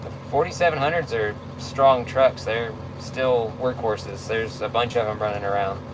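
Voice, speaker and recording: A man in casual livestream chat, answering viewer questions in a laid-back, halting, conversational way. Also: mid-range voice. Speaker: tow truck driver livestreaming. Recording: clear vehicle and road noise.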